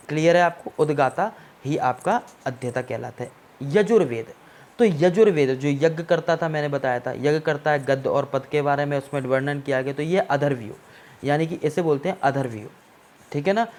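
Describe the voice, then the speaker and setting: Hindi-speaking male teacher lecturing on history. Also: a little high. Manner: explanatory, repeats "ठीक है ना" to check understanding; mixes English words into Hindi. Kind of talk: exam-prep history lecture.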